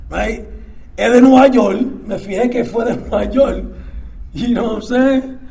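A middle-aged Dominican man telling his recovery story in casual, repetitive talk, dropping English fillers into his Spanish and swinging between quiet murmurs and loud outbursts. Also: very high-pitched, a little slow, creaky. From Dominican Republic. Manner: mixes English fillers into Spanish, stammers and repeats words. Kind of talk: casual testimony.

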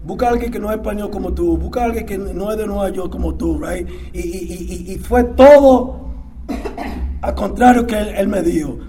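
A middle-aged Dominican man telling his recovery story in casual, repetitive talk, dropping English fillers into his Spanish and swinging between quiet murmurs and loud outbursts. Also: sits high, moderate pace. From Dominican Republic. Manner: mixes English fillers into Spanish, stammers and repeats words. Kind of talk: casual testimony.

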